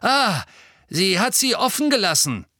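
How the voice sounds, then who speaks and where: A man's voice: high voice, very animated, drawn-out words, bright, forceful tone, no room sound, clean studio sound, pitched above the performer's own voice, heavily acted. Filch, a man doing a wheezy old caretaker. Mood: hurried muttering. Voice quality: wheezy, muttering.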